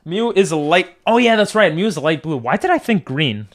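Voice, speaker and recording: This man's voice sits high and swings widely in pitch at a moderate pace. He's streaming a video game, chatting casually with viewers and drifting from one aside to another.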